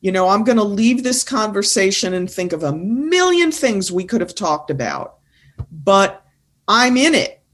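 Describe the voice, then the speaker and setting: Woman, presentation coach, mid-pitch, emphatic and insistent, podcast guest. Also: very animated, a little slow, fairly bright tone. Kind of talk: casual interview conversation.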